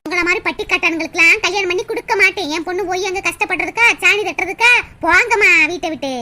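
A woman voicing a proud, sharp-tongued village mother in a cartoon. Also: very high voice, exaggerated voice. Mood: angry. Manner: scolding, haughty and rapid. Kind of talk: cartoon voice acting.

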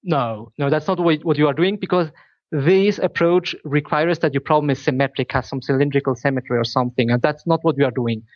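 A man from Switzerland, native in Swiss German, answering technical questions in English with a slightly higher voice than most men. His audio is dull and lo-fi, with almost no room sound. He chooses his words carefully and repeats himself as he thinks. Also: fairly quick, dry recording. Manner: careful, repeats words while searching for phrasing. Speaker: company founder, guest.

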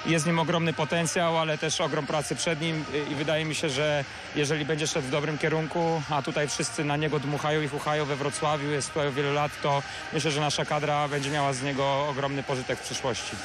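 A man's voice: on the high side, little pitch movement, fast talker, few pauses, noisy background. A young man, a basketball player, answering a post-match interview at a handheld mic, with many hesitant filler sounds. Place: courtside interview wall in an arena. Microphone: handheld reporter mic.

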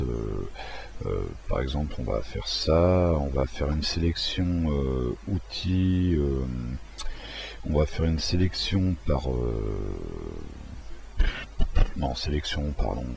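A man walking through a software tutorial in a casual, hesitant way, with many fillers and restarts. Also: very deep voice, vocal fry. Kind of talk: casual screen-recorded tutorial.

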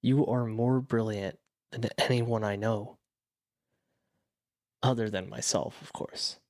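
A tender, reassuring partner. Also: male voice, on the low side, fairly even intonation, takes it slowly, no room sound, clean studio sound. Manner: gentle, reassuring, playful. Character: Logic, a devoted, witty musician partner. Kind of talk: audio drama acting.

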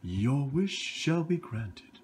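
A woman voicing a gentle magical unicorn in a children's home play, speaking slowly and formally. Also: very deep voice, very animated, full character voice. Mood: solemn. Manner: slow, formal and solemn.

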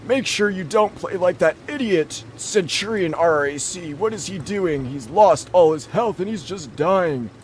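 Man doing old-man gamer, high strained put-on voice, loud coaching, swooping pitch. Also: expressive, unhurried, few pauses, a little hiss or hum. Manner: coaching, exclaiming loudly. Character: excitable old man tank gamer, loves flanking. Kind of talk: live-stream gameplay commentary.

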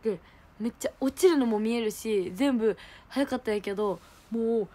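A young woman, hosting a livestream and telling a story in animated casual chat. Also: fairly high pitch, normal speed. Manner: animated storytelling, laughing, exclaiming. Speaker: idol livestream host.

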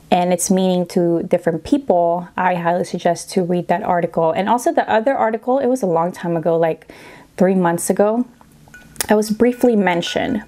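A woman's voice: lowish voice, warm tone. A woman vlogging while eating on camera, getting over a cold, chatting casually between bites and murmuring at the food. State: recovering from a cold, slightly congested. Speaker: mukbang YouTuber.

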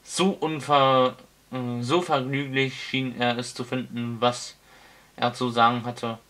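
A male narrator reading a comic fantasy tale in a measured storytelling way, now and then correcting a slip. He speaks slowly, at an average pitch, with a bright, forceful tone. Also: flat delivery. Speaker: audiobook reader. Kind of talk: scripted narration.

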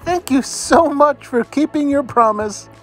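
A man voicing a gentle, lonely frog who turns out to be an enchanted prince, speaking softly and earnestly. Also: very high voice, measured pace, faint music behind, pitched above the performer's own voice. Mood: grateful.

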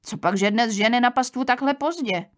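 A woman's voice: a little high, pitched above the performer's own voice, lightly acted. A woman reading an audiobook, voicing a curious, gossiping young village woman who pries and exclaims. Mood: nosy, astonished. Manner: prying, exclaiming. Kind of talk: audiobook character voice.

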